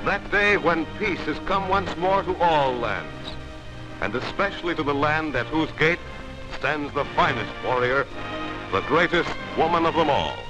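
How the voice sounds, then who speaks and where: A man's voice: on the high side, lively intonation, a little slow, low-quality recording. A man giving a stirring, declamatory 1940s newsreel narration, heard with old newsreel sound. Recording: narration over loud music.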